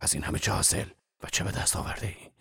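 A man voicing a rough, passionate older male laborer who asks blunt, demanding questions. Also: a bit bright, no echo, studio quality, close to an everyday voice.

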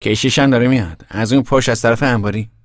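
An actor playing an easygoing young farm son in a radio drama, talking casually. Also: male voice, medium pitch, no echo, studio quality, natural voice. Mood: plain.

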